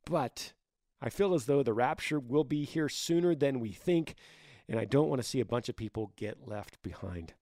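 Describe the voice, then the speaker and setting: Raspy, gravelly-voiced man, dry close sound. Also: mid-range voice, normal speed, dark tone, no room sound. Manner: earnest, brotherly, careful hedging with restarts. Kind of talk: reading a listener's email and replying with informal advice.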